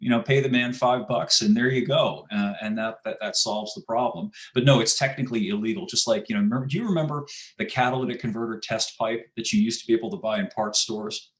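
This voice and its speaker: A man's voice: on the low side, quick pace, hardly any pauses. An American man, a guest in an interview, talking in a sardonic, emphatic storytelling way. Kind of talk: casual interview talk.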